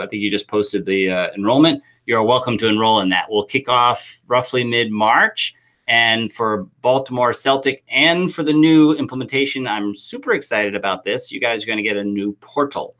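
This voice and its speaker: A man's voice: medium pitch, bright, forceful tone. A man coaching youth soccer, talking through a live chat Q&A with enthusiastic, rambling restarts.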